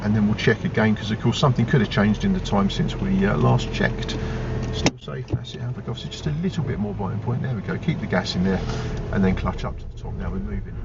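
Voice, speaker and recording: Low-voiced, gravelly male driving instructor. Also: expressive, fast talker, few pauses. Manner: patient, encouraging driving instructor. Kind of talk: driving lesson, step-by-step spoken instruction. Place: inside a moving car. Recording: muffled, loud car engine noise, distant mic.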